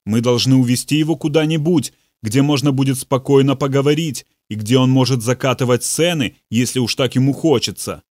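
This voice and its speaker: Brief: steady commanding pastor, mid-range voice, read by a man. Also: medium pitch, a little fast, hardly any pauses, dry recording, studio quality, lightly acted. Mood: firm. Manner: firm and commanding. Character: calm, firm male pastor. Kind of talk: audiobook reading.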